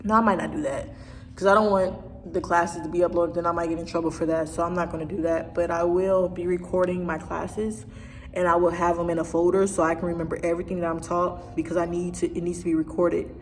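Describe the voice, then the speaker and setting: A woman's voice: lowish voice, level tone, brisk. A woman in her twenties talking casually to her viewers in a rambling vlog, often restarting and trailing off. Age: 20s. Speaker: vlogger. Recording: distant hall reverb, faint noise.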